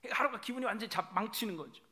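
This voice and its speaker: A man's voice: high voice, animated, very fast, pushed and bright. A male pastor preaching a sermon, telling a story animatedly and acting out imagined dialogue. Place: church sanctuary.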